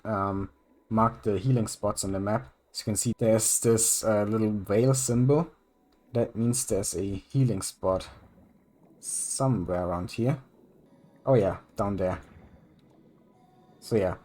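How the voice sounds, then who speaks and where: A young man with a lowish voice talks through gameplay in a relaxed, rambling way, dropping plenty of ums and the occasional curse. Faint music plays under his voice-over. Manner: relaxed, rambling, frequent ums and uhs, casual swearing. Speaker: gaming YouTuber. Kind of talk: casual gameplay commentary.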